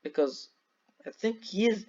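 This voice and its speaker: A man's voice: sits high, lively intonation, a little slow, husky, muffled recording. A teenage boy from Turkey casually reacting to an aviation video, rambling and correcting himself, a little sleepy. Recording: loud music under the voice. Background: loud music and airplane sounds from the video.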